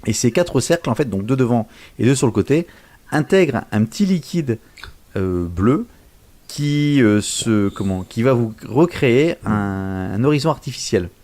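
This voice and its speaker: A man's voice: mid-range voice, animated, normal speed, a little mellow. A man co-hosting a casual tech news podcast, joking and searching for words as he goes. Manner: joking, hunts for words mid-sentence. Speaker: podcast co-host.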